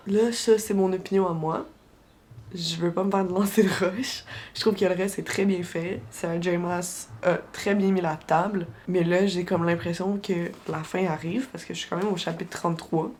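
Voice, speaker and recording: A woman's voice: on the low side, darkish tone, slight background noise. A young adult woman with a Québécois French accent, talking casually and with strong opinions as a book vlogger, slipping English phrases into her French. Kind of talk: casual reading-reaction vlog.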